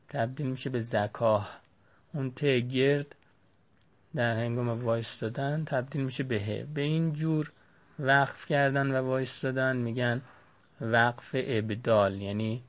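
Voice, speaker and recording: Man slowly drilling Quran words. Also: medium pitch, highs cut off. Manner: slow, careful repetition of each word three times; brisk when giving page and line directions. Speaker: Quran teacher. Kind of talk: recorded Quran reading lesson.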